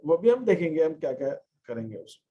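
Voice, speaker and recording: A man's voice: a little high, very animated, slightly rough, dull audio. A man teaching an accountancy class, explaining step by step and mixing English terms into his talk. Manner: dictates terms slowly while writing. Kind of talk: classroom lecture.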